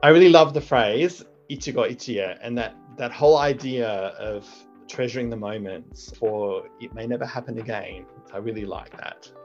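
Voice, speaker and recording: In muffled, lo-fi audio with a trace of music, a middle-aged Australian teacher who serves as deputy principal answers interview questions earnestly and reflectively, restarting often. English is his first language, and he speaks at a moderate pace in a mid-range voice.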